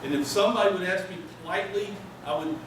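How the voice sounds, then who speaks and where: An older man speaks informally to an audience as an author introducing his work. His voice sits slightly high, and it comes from a distance in a heavily echoing room with noticeable noise. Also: fast. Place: echoey room before a live audience. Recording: echoey room, far from mic, noisy.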